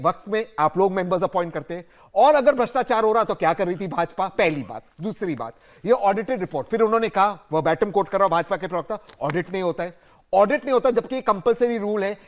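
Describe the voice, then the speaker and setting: Man, high-pitched, TV panel guest, combative, insistent, repetitive. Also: lively intonation, fast. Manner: combative, repeats points insistently. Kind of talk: heated TV debate.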